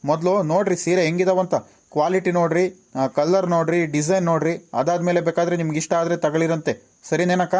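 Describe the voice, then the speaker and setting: A man's voice: on the high side, flat delivery, fairly quick, a little mellow, natural voice. A man playing a travelling sari seller, coaxing village women with sales patter in a comedy skit.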